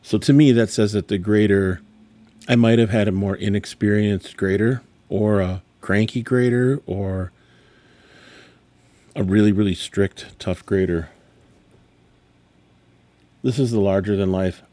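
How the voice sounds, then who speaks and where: A middle-aged man with a low, mellow voice rambles through a casual vlog. He sounds exasperated and keeps correcting himself mid-sentence. The sound is close and dry, with no room around it. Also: fairly even intonation, a little slow, long pauses, no room sound. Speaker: sports card dealer. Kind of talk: casual card grading reveal vlog.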